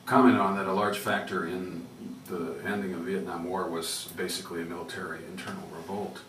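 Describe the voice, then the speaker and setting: A man working as a public radio host, interviewing conversationally in halting, rambling phrases. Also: low voice, fairly even intonation, fairly bright tone. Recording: roomy, distant, noisy radio interview.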